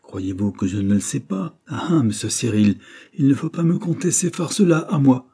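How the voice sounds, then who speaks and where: A fierce, scheming young governess, as a man reads her out in an audiobook, her voice pushed well above his own. She speaks sharply and with menace, with a husky edge. The tone underneath stays dark. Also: medium pitch, lively intonation, moderate pace, voice pushed up. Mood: menacing. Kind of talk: audiobook reading.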